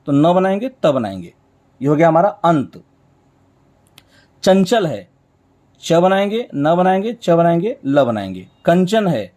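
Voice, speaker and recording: A man's voice: high-pitched, warm tone. Man teaching, repeating each step. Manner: explains slowly, repeating each stroke; asks and answers his own questions. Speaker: shorthand teacher. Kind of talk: step-by-step whiteboard lesson.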